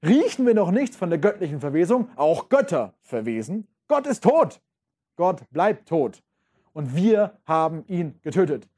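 A man's voice: sits high, very animated, brisk, hardly any pauses, dark tone, slightly rough, heavily acted. A man voicing a frantic male madman who proclaims God's death in impassioned rhetorical questions.

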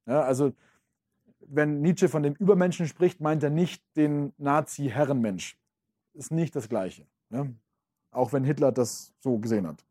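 A man's voice: on the high side, unhurried, warm tone. A man giving an informal lecture, talking casually to his listeners with many fillers.

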